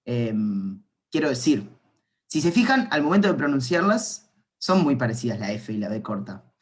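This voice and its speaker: A man's voice: medium pitch, very animated, normal speed. Playful man lecturing. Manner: playful, rambling asides, thinking aloud. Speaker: university calculus lecturer. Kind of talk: informal online lecture.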